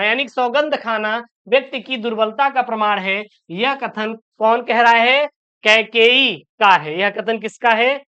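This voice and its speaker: Guy teacher going over an exam paper, smooth clear voice, kinda dull lo-fi recording, keeps saying sir. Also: very high-pitched, pushed and bright. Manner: asks questions aloud and answers them himself; keeps tossing in "sir" as a filler. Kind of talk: exam-prep Hindi lesson.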